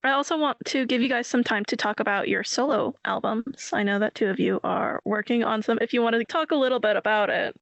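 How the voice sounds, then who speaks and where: A woman hosts a radio interview in a polite, upbeat manner. Her voice sits a bit high. The sound is dry and close to the mic. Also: a little fast, vocal fry, few pauses, no room sound. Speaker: radio host.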